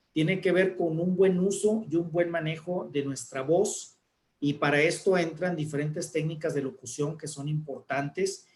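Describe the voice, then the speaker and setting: A man, an announcer, explaining speaking techniques in a relaxed talk and demonstrating intonations. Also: fairly high pitch, echoey room. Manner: didactic, demonstrates intonations with examples. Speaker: guest speaker, announcer and communicator.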